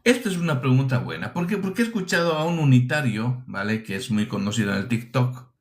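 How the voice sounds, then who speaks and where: A man's voice: mid-range voice, very animated, fairly quick. A man from preaching a teaching sermon, emphatic, asking rhetorical questions and repeating his phrases.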